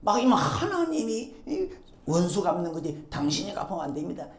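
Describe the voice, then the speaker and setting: A man's voice: sits high, big pitch swings, fairly quick. A male pastor preaching a sermon, acting out quoted speech and prompting the congregation. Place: church sanctuary. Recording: echoey church hall.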